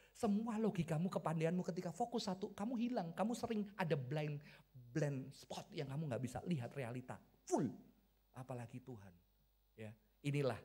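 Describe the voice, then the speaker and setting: A middle-aged male pastor preaching a lively sermon, asking the congregation questions as he goes. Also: fairly high pitch. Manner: lively preaching, asks the congregation questions, mixes in English phrases.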